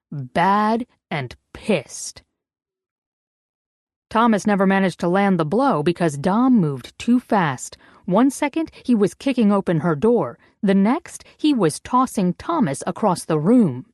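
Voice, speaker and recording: A woman narrating an audiobook in a measured, even storytelling manner. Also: medium pitch, no echo, clean studio sound. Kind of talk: scripted narration.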